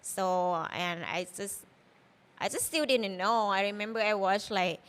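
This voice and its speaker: A little slow and easygoing, a Thai woman in her thirties who works as a chef speaks accented English as a guest in a casual interview. Her middle-pitched voice is clear and smooth, and her loose, chatty flow leans heavily on "you know" and "like."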